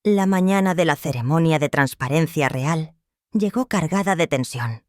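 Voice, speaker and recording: A text-to-speech voice narrating a melodramatic story in an even, machine-read manner. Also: medium pitch, normal speed, no echo, studio quality.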